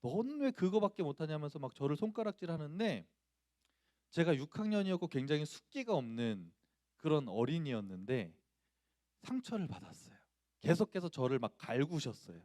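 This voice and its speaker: A man's voice: fairly high pitch, big pitch swings, normal speed, dry recording, studio quality. A man, a pastor, preaching a sermon to students, telling a personal story and asking the congregation questions. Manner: acts out quoted voices loudly.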